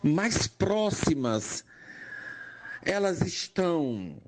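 Slow, measured older man from Pernambuco. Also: high-pitched, sing-song. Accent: Pernambuco Portuguese. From Brazil, Pernambuco. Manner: slow, measured, rising in emphasis. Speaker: nurse and educator. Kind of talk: personal testimony monologue.

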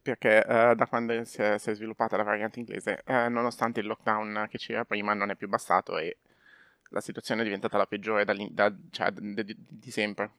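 A man's voice: on the low side, flat delivery, fairly quick, a bit bright, dry recording, studio quality. A man co-hosting a podcast in casual chat, rambling and often interrupting his own sentences. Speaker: football podcast co-host.

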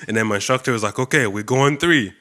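A man casually telling a long story in conversation, animated and laughing, acting out what people said. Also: mid-range voice, quick pace. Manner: animated, laughing, acts out quotes.

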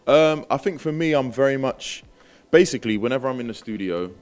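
A British man who is bilingual in Greek and English is interviewed as a musician, talking casually and reflectively with lots of slang. His medium-pitched, somewhat dark voice is expressive and fairly quick.

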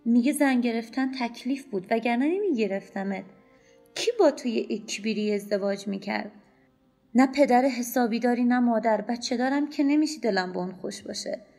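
A woman doing a poor young wife who snaps and pleads at full volume. The voice sits high, with a gravelly edge. Soft music plays behind this audio story. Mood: bitter. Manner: agitated, loud and pleading. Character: distraught poor young wife shouting at an unseen husband.

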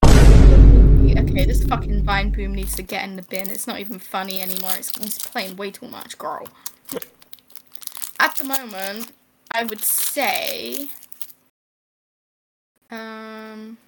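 A woman's voice: medium pitch, slow pace, vocal fry, long pauses, very noisy. A young woman co-hosting a casual online chat, crude and joking and swearing freely over voice chat. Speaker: podcast co-host.

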